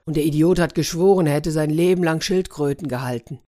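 A woman's voice: sits low, brisk, warm tone, natural voice. A woman voicing a grumpy, sarcastic man trapped in a turtle's body, in a storybook reading. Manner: irritable, sarcastic.

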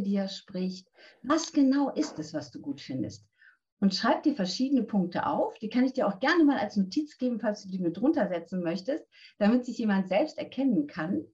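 A woman's voice: mid-range voice, animated, moderate pace, a little mellow, dull audio. A woman in her fifties, a voice coach, answering interview questions in an earnest, direct way and giving practical tips. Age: 50s. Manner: earnest, direct, addresses listener with instructions.

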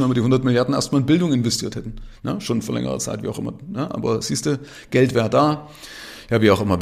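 With a medium-pitched voice marked by vocal fry, this podcast host in his fifties delivers a casual monologue on his own. He sounds emphatic and conversational and keeps throwing in tag questions.

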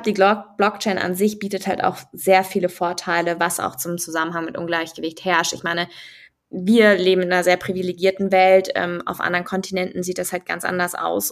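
A young woman talks through her ideas as an interview guest, pausing often with fillers and restarting sentences. Her voice sits low and stays fairly flat in tone. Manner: thoughtful, many fillers and restarts, explanatory. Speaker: guest, finance and crypto expert. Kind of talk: conversational podcast interview.

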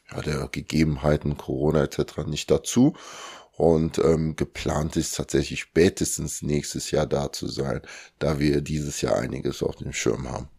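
A man from the Congo, a coach, answering interview questions in a calm, agreeable way. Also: extremely low pitch, creaky, breathy edge. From Democratic Republic of the Congo. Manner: calm, agreeable, many short affirmations. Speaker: guest, coach. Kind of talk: conversational interview.

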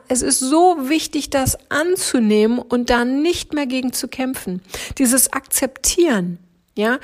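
A woman's voice: a little high, darkish tone. A woman hosting a motivational podcast, talking directly and encouragingly to her listeners. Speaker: podcast host, coach.

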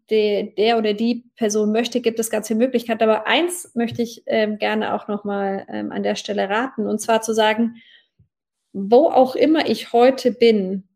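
Eine Frau mit deutschem Akzent, die als Expertin in einem Interview spontan und erklärend antwortet, mit vielen „ähm“. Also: female voice, fairly high pitch, darkish tone. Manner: many fillers, explanatory and thoughtful. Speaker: blockchain expert guest.

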